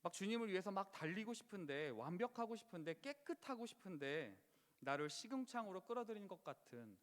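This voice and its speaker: A man with a high, very animated voice preaches a Friday prayer sermon at a slightly quick pace. He pleads earnestly and at times rises to impassioned cries, while the church sanctuary adds a long, hall-like reverb.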